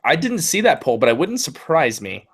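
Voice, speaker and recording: A man's voice: a little high, sing-song, normal speed, slightly rough. A man co-hosting a casual political podcast, chatty and telling stories with acted-out quotes. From California. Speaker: podcast co-host.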